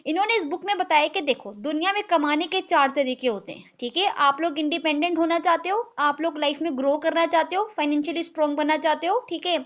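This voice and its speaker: High-voiced woman leading an online training. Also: a bit bright, highs cut off. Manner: mixes English and Hindi, fills with "ठीक है"; slows down to spell out key terms. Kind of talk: live online training session. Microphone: video call.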